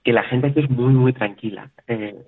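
A man's voice: mid-range voice, normal speed, slightly rough. A man from Spain chatting as an interview guest, talking freely with many restarts and little quoted exchanges. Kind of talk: casual interview talk. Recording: tinny phone-like line.

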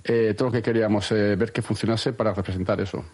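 A man, a music producer, explaining his work in a relaxed, hesitant way on radio. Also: lowish voice, quick pace, husky. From Basque Country. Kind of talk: radio interview answers.

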